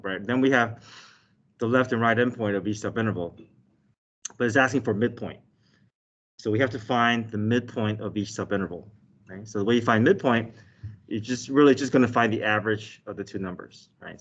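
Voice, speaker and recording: A man with a fairly low voice gives a step-by-step lesson as a math teacher. He explains each step and checks in as he goes. The recording is a little dull and muffled. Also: fairly bright tone. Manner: explanatory, checks in with "okay" and "right". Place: indoors, desk with document camera. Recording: dull, slightly muffled online lesson audio.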